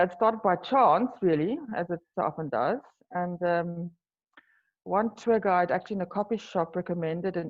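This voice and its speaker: In a lowish, darkish voice with the highs cut off, a woman from South Africa answers interview questions. She founded a wine tour company and is appearing as a guest. Afrikaans is her native language, she has a South African accent, and her replies are casual and hesitant, with many ums and restarts.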